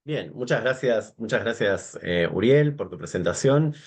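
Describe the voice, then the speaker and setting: A man's voice: on the low side, lively intonation, unhurried, breathy edge. A man in his forties with an Argentine accent, a guest scholar in a podcast interview, talking at length with many fillers, restarts and digressions. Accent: Argentine Spanish. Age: 40s.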